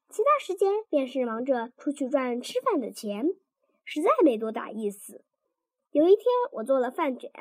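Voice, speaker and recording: A woman reading a first-person story aloud in an animated, playful way. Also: high voice, no room sound. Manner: animated, playful voicing of scenes. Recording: dry close sound, faint music. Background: faint music.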